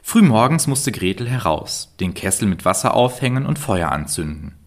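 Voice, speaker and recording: Deep-voiced man reading a fairy tale. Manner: calm, measured storytelling. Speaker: storyteller.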